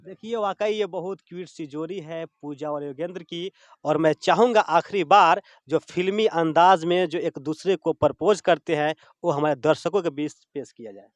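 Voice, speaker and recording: High-voiced chatty male interviewer. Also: moderate pace, no room sound. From Bihar. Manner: chatty, prompting with many short fillers. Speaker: news channel interviewer. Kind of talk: casual on-location interview.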